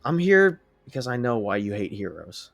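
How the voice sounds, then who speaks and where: A man voicing a sincere young male hero who speaks in an earnest, steady way. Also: mid-range voice, normal speed, vocal fry, no room sound, full character voice.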